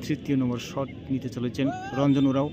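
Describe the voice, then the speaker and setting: A man giving excited live football commentary on a penalty shootout outdoors, repeating names and phrases as he goes. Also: mid-range voice, a little fast. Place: outdoors at a local football ground. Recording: noisy outdoor field with traffic ambience.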